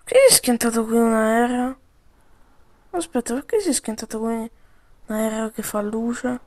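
A woman improvising playful, slangy role-play commentary over a video game, with sudden yells. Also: on the high side, normal speed.

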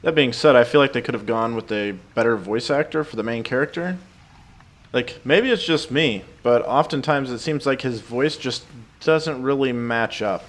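A man giving casual game commentary, relaxed and thinking aloud. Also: mid-range voice, moderate pace. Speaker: let's play gamer.

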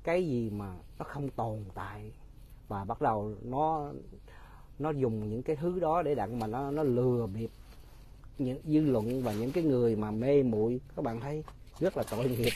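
A man's voice: medium pitch, darkish tone, slight background noise. A man giving casual, mocking political commentary straight to his viewers, often laughing.

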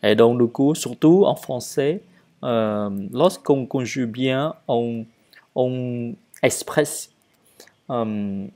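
Guy teaching real slow, lots of um, mellow dark voice. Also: medium pitch. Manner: hesitant, many fillers, stretches conjugation drills slowly. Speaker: French teacher. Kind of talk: relaxed spoken language lesson.

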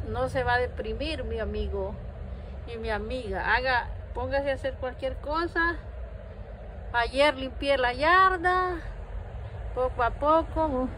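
An older woman chatting casually to viewers while filming her home on a handheld phone, rambling and calling them her friends. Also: on the high side. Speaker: vlogger. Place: small home interior. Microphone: phone camera held in hand.

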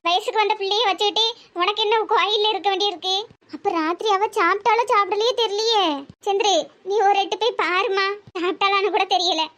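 A woman's voice: very high voice, fairly even intonation, fairly quick, a bit bright. A woman with a Tirunelveli Tamil accent voicing several village women in a comic cartoon, scolding and wailing in local dialect. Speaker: voice actor doing all women in a cartoon.

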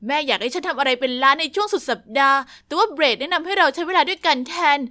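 A woman narrating a first-person story, lively and confiding, speaking straight to the listener. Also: high voice, very fast.

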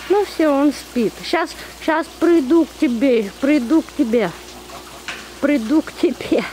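A woman with a high voice talks a little slowly in loving baby talk, full of repetition and diminutives, as she feeds and films bears at the zoo. The recording comes from the handheld camera she holds outdoors at the enclosures, with background noise present.

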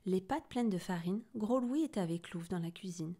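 A woman's voice: mid-range voice, lively intonation, normal speed, mellow. A woman reading a children's picture book aloud, narrating expressively and doing the voices. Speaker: storybook reader.

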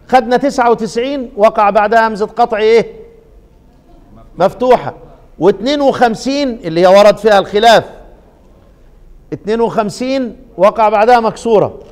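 Egyptian sheikh teaching quran readings, high voice, quizzes the class, drags out quoted verses, long hall echo. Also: male voice, darkish tone. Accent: Egyptian Arabic. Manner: quizzing students with leading questions, drawn-out quoted verses.

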